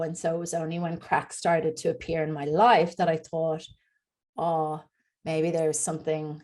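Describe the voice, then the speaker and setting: A woman's voice: deep voice, vocal fry. A woman in her forties with a Dublin Irish accent, chatting openly as a podcast guest with plenty of ums and likes. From Ireland. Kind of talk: casual interview chat.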